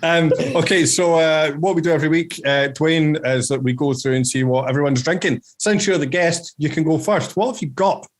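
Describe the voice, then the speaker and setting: A man's voice: on the high side, fairly quick, hardly any pauses. A man hosting a casual podcast, playful and teasing. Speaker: podcast host.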